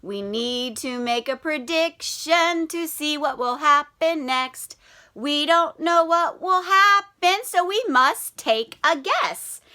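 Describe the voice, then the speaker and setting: A female teacher with a high voice takes her time reading a children's picture book aloud. Her storytelling is animated and expressive, and she puts questions to the children.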